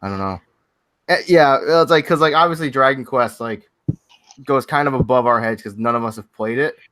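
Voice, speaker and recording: A man's voice: mid-range voice, normal speed, fairly bright tone, dry recording. A young man hosting a casual gaming podcast, chatty and loose, often restarting his sentences. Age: young adult. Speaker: podcast host.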